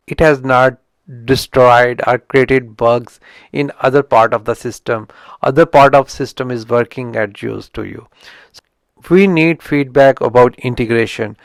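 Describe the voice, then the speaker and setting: This channel host, a middle-aged man from India who is not a native English speaker, reviews a book without a script in an Indian accent. His voice is medium-pitched, clear and resonant, with no room sound, and he often breaks off to restart or correct himself.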